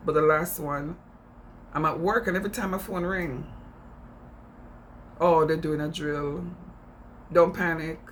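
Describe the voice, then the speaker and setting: A man's voice: on the high side, fairly bright tone, slight background noise. A middle-aged man with a Jamaican accent, giving impassioned, informal commentary in an earnest, emphatic way, repeating phrases for stress. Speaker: speaker on immigration issues.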